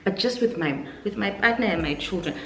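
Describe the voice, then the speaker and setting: Animated and brisk, a 29-year-old South African vlogger answers questions casually on her YouTube channel, thinking aloud along the way. Her voice is medium-pitched and a bit bright. The recording carries a roomy echo over faint music.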